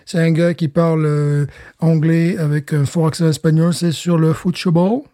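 Mellow-voiced man chatting casually. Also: a little high, level tone, normal speed, no room sound, clean studio sound. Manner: rambling, repeats words while searching for them. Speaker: podcast co-host. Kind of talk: casual chat.

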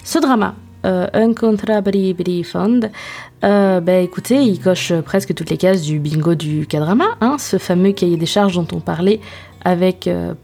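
A woman with a mellow, relaxed voice hosts a chatty podcast over background music. Her delivery is informal and slangy, with hesitations as she looks for words. She drops in self-deprecating asides as she goes. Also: lowish voice, measured pace. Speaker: podcast host. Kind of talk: casual, chatty solo podcast review.

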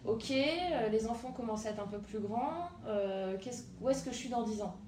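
With a fairly high, dark-toned voice, lively intonation and a moderate pace, a woman in her thirties from southern France talks casually about her career as a guest entrepreneur in an interview. She uses plenty of hesitant fillers. There's a little hiss or hum, and the recording is roomy, with a distant mic and faint ambience.

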